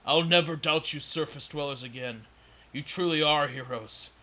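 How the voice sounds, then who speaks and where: A man's voice: on the high side, normal speed, bright, forceful tone, pitched above the performer's own voice. A man voicing a grateful, flirtatious male duergar prisoner who gushes his thanks. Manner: effusive, a touch flirty.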